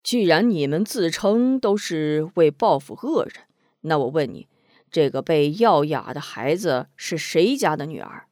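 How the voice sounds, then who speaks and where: A man's voice: a little high, lively intonation, a little slow, darkish tone, no room sound, clean studio sound. A woman reading a story, voicing a stern, righteous innkeeper man who sneers coldly and barks orders. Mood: heavy regretful. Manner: cold sneering, then barking commands.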